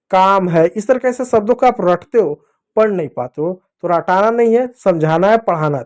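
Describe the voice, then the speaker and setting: A man's voice: high voice, darkish tone. A man teaching children in a patient way, repeating and drilling each sound as he speaks straight to them. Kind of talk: spoken children's lesson.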